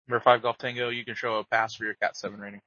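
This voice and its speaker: A man working as an air traffic controller, giving brisk, procedural instructions over the radio. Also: fairly low pitch, little pitch movement, sharp tone, no room sound. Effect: radio transmission. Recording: muffled lo-fi radio audio.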